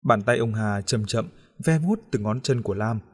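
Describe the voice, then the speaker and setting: A man narrating an audiobook novel in a steady, measured storytelling voice. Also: on the low side, husky.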